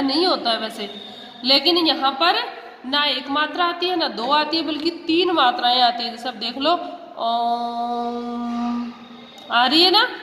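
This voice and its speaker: A woman's voice: high voice, a bit bright, a little hiss or hum. A woman teacher giving a grammar lesson to children, patiently asking questions and answering them herself. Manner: addresses children directly. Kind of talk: classroom Hindi grammar lesson. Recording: echoey room with long reverb.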